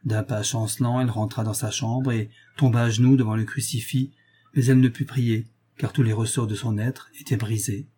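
A man narrating a classic novel as an audiobook in a measured, dramatic way. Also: medium pitch, fairly even intonation, mellow, husky. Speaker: audiobook reader.

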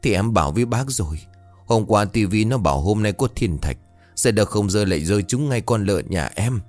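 A man's voice: on the low side, expressive, brisk, a little mellow, no echo, soft background music, lightly acted. A man voicing an older village woman who owns a pig, lamenting in a raised voice. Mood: tearful.

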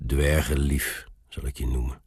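A man voicing a gruff, lonely old male soldier who guards a city gate. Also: level tone, normal speed, darkish tone, no echo, clean studio sound, exaggerated voice. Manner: gruff, booming.

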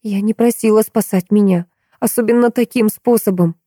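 A woman reading an audiobook, voicing a distraught young woman who pleads and cries out in a higher voice. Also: fairly even intonation, normal speed, warm tone, no room sound, clean studio sound, natural voice. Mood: accusing. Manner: pleading, raised and tearful. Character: young woman, tearful and horrified.

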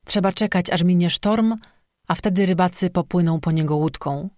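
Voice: medium pitch, normal speed, a little mellow, dry recording, studio quality, lightly acted. A narrator voicing an anxious village priest. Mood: grave.

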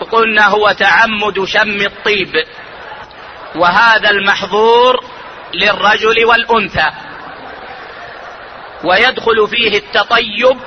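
A man who is an Islamic scholar, giving a religious lesson on jurisprudence in a measured, deliberate way and slowing down to stress key points. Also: high voice, muffled recording, slight background noise.

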